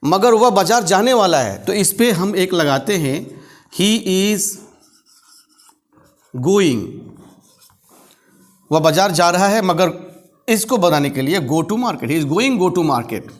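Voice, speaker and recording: Slow, high-voiced teacher. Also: male voice, animated. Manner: slow, deliberate, repeats example sentences word by word. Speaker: English teacher. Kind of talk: spoken English lesson explaining grammar.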